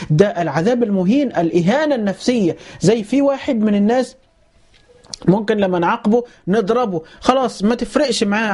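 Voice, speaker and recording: A man with an Egyptian accent giving a Quran commentary lesson, asking questions and answering them himself and reciting verses slowly before explaining them. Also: high voice, darkish tone. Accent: Egyptian Arabic. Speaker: Quran teacher.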